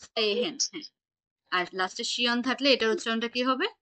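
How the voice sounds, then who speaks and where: A woman's voice: fairly high pitch, a little fast, sharp tone. A woman teaching an online German class, patiently quizzing her students on pronunciation over a video call.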